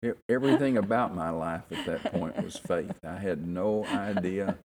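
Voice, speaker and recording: A man, reminiscing earnestly in an interview, pausing and repeating himself. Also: sits low, a little mellow, slight background noise. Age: 70s. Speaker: interviewee, minister.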